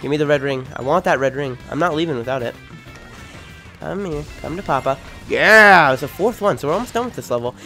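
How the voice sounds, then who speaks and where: A young man with a lisp giving casual, rambling, excitable and jokey commentary as he plays a video game. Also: fairly high pitch, brisk. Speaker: video game let's play host. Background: video game music.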